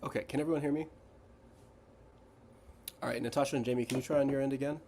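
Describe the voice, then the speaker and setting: A man hosting a recital on a video call, his audio caught in a loop that repeats the same chunk over and over, calling people up briskly. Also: medium pitch, steady tone, a little mellow, slight background noise. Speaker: recital host.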